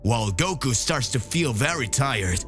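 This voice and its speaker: A man's voice: mid-range voice, lively intonation, normal speed, a bit bright, faint music behind. A man narrating a scripted anime fan-fiction story as its storyteller.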